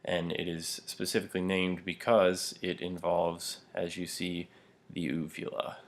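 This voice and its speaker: A man's voice: low voice, flat delivery, unhurried. A young adult man teaching a pronunciation lesson, explaining step by step with frequent fillers and small laughs while demonstrating throat sounds. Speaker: language teacher.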